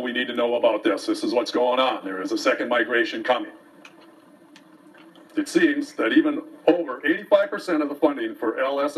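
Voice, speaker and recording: A man hosting a local commentary show, giving an opinionated, folksy, aggrieved monologue to viewers, sometimes reading from papers. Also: medium pitch. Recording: distant mic, faint background noise.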